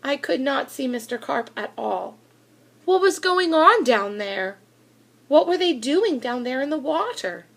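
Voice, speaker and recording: A woman reads a storybook aloud for children. Her voice sits high and moves up and down animatedly. She takes her time with each phrase, giving the narration a very expressive shape. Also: measured pace, creaky.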